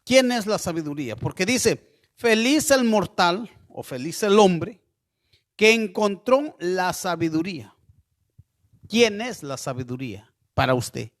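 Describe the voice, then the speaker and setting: Man preaching, high voice, slow deliberate delivery, rhetorical questions to listeners. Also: lively intonation. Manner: asks listeners to send messages. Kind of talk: sermon.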